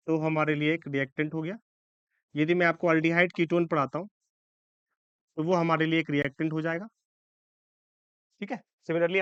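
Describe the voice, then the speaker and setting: A man's voice: on the high side, smooth, no echo, muffled recording. A man teaching a chemistry lecture for exam students. He checks in often with his class and corrects his own slips as he goes. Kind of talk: exam-prep lecture in Hindi-English mix.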